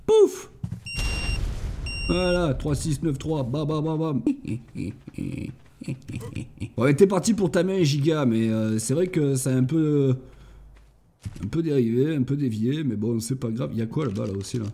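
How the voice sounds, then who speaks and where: Mellow-voiced man narrating his gameplay. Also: medium pitch, moderate pace, slight background noise. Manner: chatty, thinks aloud, jokey asides. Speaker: gaming channel host. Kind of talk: casual let's-play commentary.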